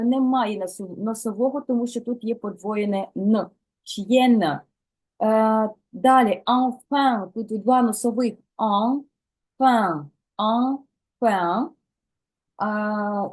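A woman's voice: fairly high pitch, mellow. Patient woman teaching French. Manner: patient, slows down to model French pronunciation. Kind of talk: language lesson, explaining song lyrics.

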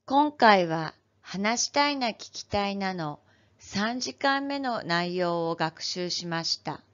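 A woman teacher giving an online lesson to first graders, speaking gently and clearly to young children. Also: medium pitch, expressive, slow pace, highs cut off. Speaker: elementary school teacher.

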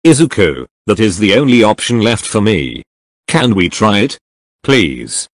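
A man's voice: on the low side, big pitch swings, a little slow, no room sound, full character voice. A man voicing a brash, hot-tempered young man who talks bluntly, in a fan comic reading. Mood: pleading.

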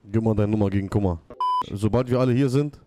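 A man's voice: fairly low pitch, fast, noisy background. A man in his thirties role-playing a gang boss in an online game, commanding and full of street slang, on a desk mic. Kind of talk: in-character gaming role-play talk. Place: small room at home, indoors. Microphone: desk mic near the mouth, with headset.

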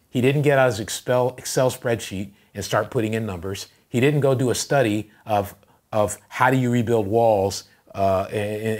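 A man with a fairly low voice delivers a livestreamed church sermon. He tells stories in an animated way and pushes into loud, emphatic stretches. The delivery stays personal and direct. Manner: animated storytelling, rising to loud emphatic passages. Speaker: pastor.

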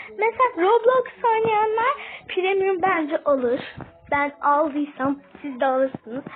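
A young woman chatting excitedly to viewers while playing a game, calling them friends and asking for likes. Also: sits high. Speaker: gaming video host. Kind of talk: casual gameplay vlog. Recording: tinny phone-like sound.

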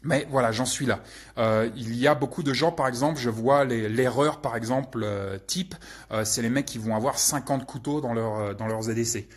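A man with a husky, slightly rough voice talks through viewer questions in a loose, off-the-cuff way. He hesitates constantly and throws in crude slang, sounding relaxed and unscripted. His pitch sits right in the middle for a man. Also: normal speed. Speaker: channel host answering viewer questions. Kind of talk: casual live Q&A chat.

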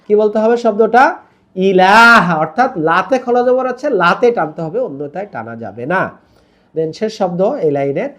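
A man's voice: high voice, lively intonation, a little fast, highs cut off. A man teaching tajweed, patiently explaining rules and demonstrating Arabic pronunciation by drawing out the vowels, with English words mixed in. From Bangladesh. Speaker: online Quran teacher.

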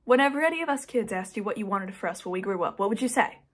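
A woman's voice: medium pitch, expressive, fast, natural voice. A young woman playing a headstrong daughter in an emotional, insistent dramatic monologue addressed to her mother. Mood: pleading. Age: young adult. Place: small indoor room, plain wall.

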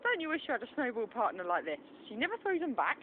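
A woman's voice: a little high, big pitch swings, quick pace. A woman chatting and coaxing her dog as she films it in a snowy garden at evening. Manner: chatty, coaxing, often laughing, calls out to the dog. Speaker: dog owner filming her pet. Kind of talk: casual commentary while filming. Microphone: handheld camera mic. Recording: lo-fi camera audio with faint outdoor noise.

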